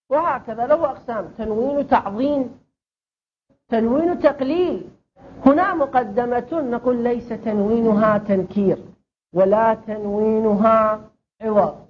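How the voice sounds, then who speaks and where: A woman teaching a class, asking questions and answering them herself as she explains. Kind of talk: classroom lesson on Arabic grammar and rhetoric. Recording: dull lo-fi recording with faint rumble.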